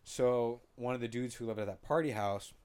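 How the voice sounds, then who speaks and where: A man's voice: mid-range voice, normal speed, a little mellow, clean tone. A young man co-hosting a podcast, telling a blunt, joking story in casual chat. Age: young adult. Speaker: podcast co-host.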